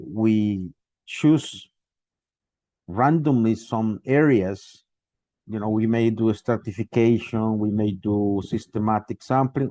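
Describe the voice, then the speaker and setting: Over a remote video call from his home, a Costa Rican man delivers an online academic lecture as a guest lecturer. His warm, mid-range voice is hesitant, packed with restarts and fillers. The audio is dull and has no echo.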